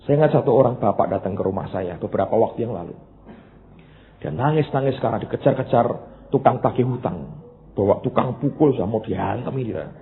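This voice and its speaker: A male pastor, preaching a sermon that jumps between loud, emphatic bursts and low, quiet asides. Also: animated, a little fast. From Indonesia. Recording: tinny phone-like band, faint noise.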